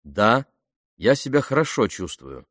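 A man voicing a young woman escaping wartime captivity, answering quietly and carefully. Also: fairly low pitch, sing-song, a little slow, dry recording, clean studio sound, heavily acted. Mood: guarded.

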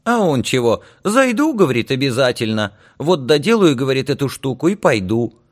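A man's voice: medium pitch, sing-song, normal speed, pitched above the performer's own voice. A man voicing a talkative middle-aged aunt in an audiobook, chattering in a raised sing-song voice. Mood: fretful.

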